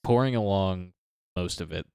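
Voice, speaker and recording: A man's voice: low voice, moderate pace, a little mellow, smooth, dry recording, clean studio sound. A man narrating a tabletop game as dungeon master, describing scenes loosely with lots of fillers.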